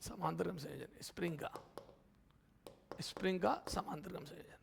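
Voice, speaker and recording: A man teaching a physics lecture at the board, calling students "beta", asking and answering their questions himself, and repeating terms slowly while he writes. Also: high voice, vocal fry, noisy background.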